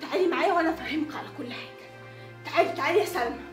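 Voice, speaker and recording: A greedy, scheming young wife, played by a woman with an Egyptian accent, whose voice is high and bright and comes quickly. She coaxes and commands in the same breath. The recording sounds roomy, with faint music underneath. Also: natural voice. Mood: conspiratorial. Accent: Egyptian Arabic. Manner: coaxing, then commanding. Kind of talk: amateur web drama acting.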